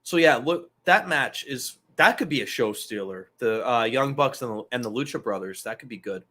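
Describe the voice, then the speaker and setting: Bright-voiced man rambling about wrestling. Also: medium pitch, expressive, moderate pace. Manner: loose and profane, rambling asides. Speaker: podcast host. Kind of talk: casual wrestling chat.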